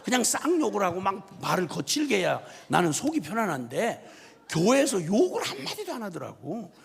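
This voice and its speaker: A man preaches a revival sermon in a church, his high voice leaping up and down as he tells stories with humor and bits of mimicry. His tone is very husky and gravelly. The sound rings with the long reverb of a large church hall. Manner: animated storytelling with humor and mimicry. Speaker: missionary preacher. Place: church sanctuary.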